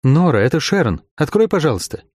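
A man reading the lines of a young woman who guides lost souls in an audiobook, keeping her soft and steady but urgent. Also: on the high side, a little fast, dry recording, clean studio sound. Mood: coaxing.

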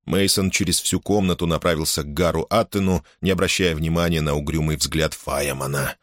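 Male narrator, low register, even and measured, dry close recording. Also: no echo. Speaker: audiobook narrator. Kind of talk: scripted narration.

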